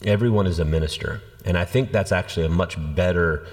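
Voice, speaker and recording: A man, a pastor, talking through faith in a relaxed conversational way, a lively storyteller. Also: sits low, fast talker, big-room sound. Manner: animated storyteller, acts out quoted voices. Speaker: senior pastor. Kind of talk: conversational church podcast teaching.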